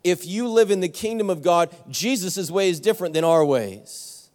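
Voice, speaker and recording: Give me a man preaching in a church, acting out a funny story in a high voice with a long echo behind him. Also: normal speed. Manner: animated storytelling, acts out both sides of an argument, self-mocking. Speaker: pastor. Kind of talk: sermon with a personal story. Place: church sanctuary.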